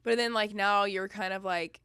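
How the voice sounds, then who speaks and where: A young woman banters on a podcast in a bright, forward voice. She talks fast and loose, with plenty of slang and jokes. The close mic is dry, with no room sound. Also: medium pitch, fairly even intonation, clean tone, dry recording. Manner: quick, joking, slangy. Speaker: podcast co-host. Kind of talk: casual chat.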